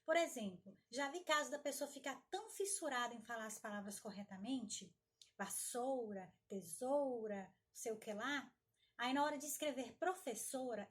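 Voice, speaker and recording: A woman teaching a recorded lesson, drawing out example words loudly to stress syllables and often checking with her students. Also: fairly high pitch. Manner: asks frequent checking questions to students.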